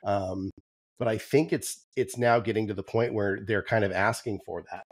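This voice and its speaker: A man with a fairly low voice talks casually as a podcast co-host, full of ums and restarts. His voice is wearing thin and hoarse. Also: steady tone, moderate pace, dry recording. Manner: conversational, frequent ums and restarts. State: losing his voice. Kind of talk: casual chat.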